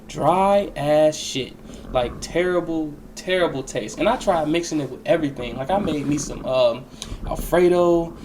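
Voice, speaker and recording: A young adult man with a slightly high voice talks in a loose, casual storytime monologue. He rambles, swears freely and leans on slang. There is some noise and clicking behind him. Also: measured pace. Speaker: storyteller recounting a personal experience.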